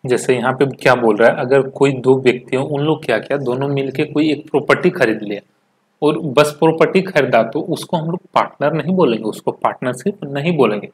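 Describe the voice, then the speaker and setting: Husky-voiced man teaching a commerce class. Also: mid-range voice. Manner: explains step by step with frequent "ठीक है" check-ins; reads English textbook lines slowly, then explains them in Hindi. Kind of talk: recorded classroom lecture.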